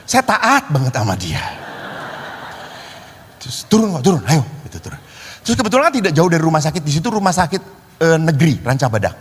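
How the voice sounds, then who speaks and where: A man preaching a sermon, telling a funny story and acting out the other voices with sudden shouts. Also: fairly high pitch, a little fast, long pauses, slight background noise. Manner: animated, acts out quoted voices with shouts. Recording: long reverb of a large hall.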